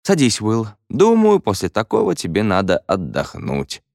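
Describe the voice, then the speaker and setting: A man's voice: lowish voice, huge pitch swings, normal speed, gravelly, a little mellow, no echo, clean studio sound, full character voice. A man voicing a good-humored male schoolteacher who jokes and teases his class in a wry, encouraging way. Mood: wry, teasing. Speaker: teacher.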